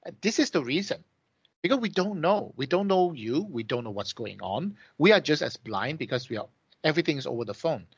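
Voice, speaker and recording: A man's voice: fairly high pitch, sing-song, fairly quick, husky, no room sound, highs cut off. A man co-hosting a casual chat, explaining points earnestly.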